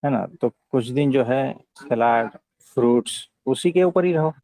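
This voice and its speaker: A man with an Indian accent giving a conversational spiritual discourse, teaching in a calm, gentle way and often checking for agreement. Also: medium pitch, a little slow. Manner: didactic, often seeks agreement with short tag questions. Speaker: spiritual teacher answering devotees' questions.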